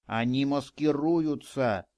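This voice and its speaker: A man voicing an eager, admiring young boy sidekick in an audiobook, speaking in excited exclamations. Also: mid-range voice, slow, no room sound, studio quality, close to an everyday voice. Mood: sly.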